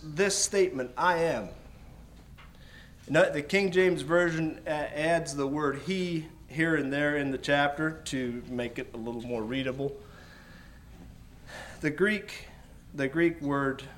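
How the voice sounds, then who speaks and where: Preacher, male, fairly high voice; teaching sermon, slow and emphatic, repeats key words. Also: fairly bright tone. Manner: explains slowly with emphatic repetition.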